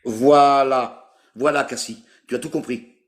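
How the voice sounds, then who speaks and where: A man's voice: mid-range voice, steady tone, measured pace. A man in his fifties from France, talking hesitantly on a live call and searching for his words. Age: 50s. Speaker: caller seeking a partner.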